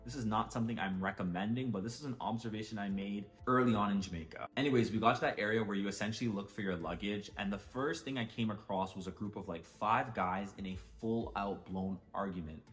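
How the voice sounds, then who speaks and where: A young man with a somewhat low voice narrates a vacation mishap for his channel. He talks in a relaxed, conversational way, often leaning on filler words like "like" and "basically.". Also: fast, hardly any pauses, soft background music. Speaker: storyteller. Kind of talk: casual storytime narration.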